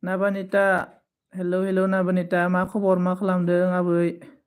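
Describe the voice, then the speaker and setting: A man's voice: high-pitched, completely flat delivery, measured pace, darkish tone, smooth. A man with a Bodo accent, a native Bodo speaker, chatting casually on a livestream and teasingly greeting viewers by name. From Northeast India. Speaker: live streamer.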